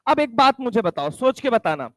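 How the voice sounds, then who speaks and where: In an extremely high, sing-song voice at a moderate pace, a man lectures on chemistry in class. Calling listeners "my brother," he asks and answers his own questions and repeats key terms, and the sound is dry with no echo.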